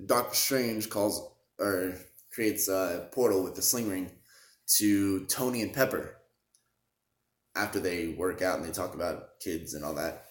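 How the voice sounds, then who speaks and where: A young man casually recapping a movie plot, rambling with fillers and throat-clearing, with sudden excited bursts. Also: sits low, a little slow, reverberant. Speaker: movie reviewer.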